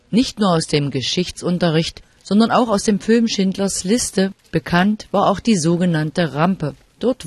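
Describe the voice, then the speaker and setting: A man giving measured, solemn scripted narration for a documentary report. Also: high voice, no room sound.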